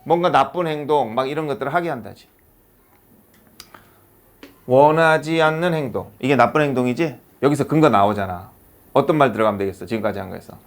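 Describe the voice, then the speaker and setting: A man's voice: mid-range voice, fairly quick, long pauses. A man teaching an English lesson to a class of students in a classroom, asking rhetorical questions one after another. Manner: animated, asks constant rhetorical questions. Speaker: high school English teacher.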